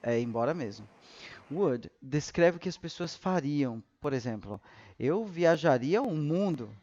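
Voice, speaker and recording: A man's voice: fairly high pitch, animated, measured pace, a little mellow, highs cut off. A man teaching English in a live class, patiently repeating example sentences.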